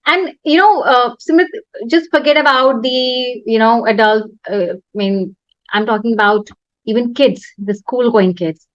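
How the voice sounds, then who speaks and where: A woman co-hosting a casual talk show, speaking haltingly with many repeats and fillers. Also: a little high, no echo. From India. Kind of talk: casual chat. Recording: dull, dry lo-fi sound.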